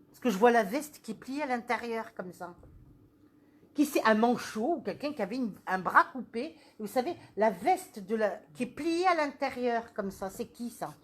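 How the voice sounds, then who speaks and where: Lively woman medium, high voice. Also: normal speed, husky. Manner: animated, questioning, repeats "on me le donne". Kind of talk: live medium reading.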